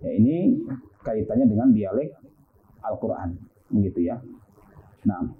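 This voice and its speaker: A man's voice: fairly low pitch, animated, measured pace. Male religious teacher, casual explanatory lecture, rhetorical questions, tinny phone-like sound. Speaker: Islamic studies teacher. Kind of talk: religious lecture on Quran sciences.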